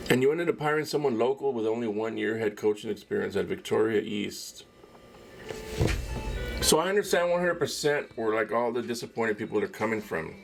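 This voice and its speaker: A man's voice: fairly low pitch, animated, a little fast, gravelly, soft background music. A man hosting a casual solo sports talk show, rambling and opinionated, with lots of fillers and a habit of ending phrases with "man.". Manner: candid, opinionated commentary. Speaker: podcast host.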